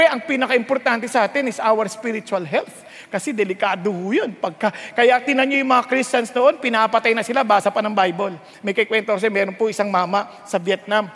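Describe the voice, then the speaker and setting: Male preacher, Taglish sermon, animated storyteller who checks in with the crowd, very high voice, long hall reverb.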